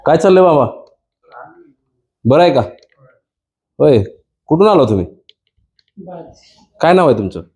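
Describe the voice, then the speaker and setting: A male field reporter interviewing elderly residents, asking gently and consoling them. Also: on the high side, big pitch swings, a little slow, pauses often, husky. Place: old age home.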